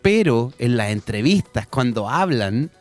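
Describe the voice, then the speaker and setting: Lively man co-hosting radio. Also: mid-range voice, a little slow, faint music behind. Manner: lively, explanatory, switches between Spanish and English. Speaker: radio show co-host. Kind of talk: bilingual educational radio chat about English accents. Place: radio studio.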